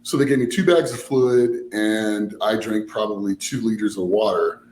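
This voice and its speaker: A man's voice: lowish voice, moderate pace, darkish tone. A man chatting casually about his own experiences in a rambling, explanatory way. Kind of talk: casual conversational storytelling. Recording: roomy echo, background noise.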